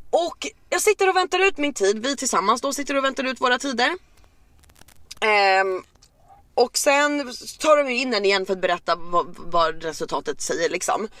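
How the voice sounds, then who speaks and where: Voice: medium pitch, fairly bright tone, no echo. A podcast co-host telling a personal story in casual chat, swearing often and acting out their own and others' lines with lots of fillers. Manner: restless, halting, filler-heavy telling.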